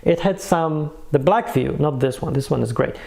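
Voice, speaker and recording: Speaking at a normal speed, a man with a fairly high, gravelly, warm voice reviews a product casually and without a script. He's a non-native English speaker who gropes for words and corrects himself along the way.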